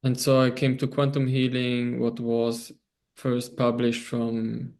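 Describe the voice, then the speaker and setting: A man from Austria with a German accent, a guest on an online interview, talking loosely with pauses and frequent laughs. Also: mid-range voice, monotone, darkish tone. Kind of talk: casual interview over video call. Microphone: video call.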